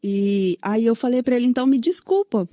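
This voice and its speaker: Brief: São Paulo woman, higher-pitched but mellow tone, close and dry mic, telling her own testimony. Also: expressive, fairly quick, no echo. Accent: Brazilian Portuguese, São Paulo. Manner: recounts with many "né?" tags and quoted dialogue. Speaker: guest sharing her testimony. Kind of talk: emotional personal testimony.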